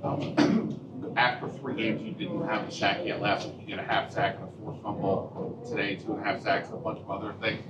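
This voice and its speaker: A man's voice: fairly low pitch, steady tone, fairly quick. A man reporter asking a long, rambling question at a press conference. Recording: distant, echoey room audio with loud background noise.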